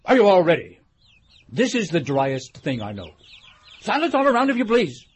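Guy doing a fussy mouse, husky, high and swooping, reads out like a dull lecture. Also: huge pitch swings, slight background noise. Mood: pompous. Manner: dry, lecturing, drawn-out delivery.

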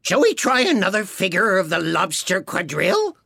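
A man reading a storybook aloud, voicing an impatient, bossy griffin with a gravelly voice. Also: high-pitched, huge pitch swings, moderate pace, pushed and bright, no room sound, clean studio sound, voice pushed up, heavily acted. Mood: offended.

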